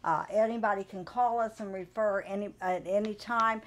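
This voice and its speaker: A woman, a program supervisor, guesting on a local TV talk show and explaining her service in a plain, steady way. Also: mid-range voice, moderate pace, slight background noise.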